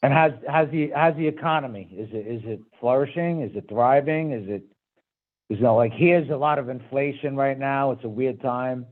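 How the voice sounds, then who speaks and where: A man's voice: medium pitch, normal speed. Man, Brooklyn accent, casual interviewer, enthusiastic, mid-range voice, lo-fi call audio. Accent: Brooklyn, New York. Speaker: interview host. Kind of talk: casual remote interview chat. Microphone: video call. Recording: dull lo-fi video-call audio.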